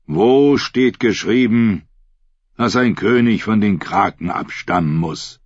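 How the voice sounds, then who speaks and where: A man voicing a proud old island lord who speaks slowly and deliberately, in a slightly dull audiobook recording. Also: lowish voice, husky, no room sound, exaggerated voice. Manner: slow, deliberate oratory.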